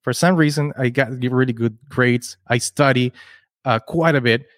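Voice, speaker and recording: A man's voice: medium pitch, moderate pace, no echo, clean studio sound. Man telling his story. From Chile. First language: Spanish. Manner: earnest, rambling, often restarts words. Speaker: podcast guest, entrepreneur. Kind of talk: casual interview storytelling.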